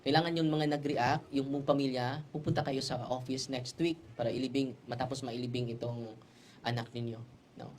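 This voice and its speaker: A man's voice: mid-range voice, level tone, a little fast, a little mellow, slight background noise. Male priest giving a sermon, tells it like a story, keeps throwing in little tag questions, faint ambience behind. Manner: mixes Tagalog, Cebuano and English. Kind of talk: preaching a sermon.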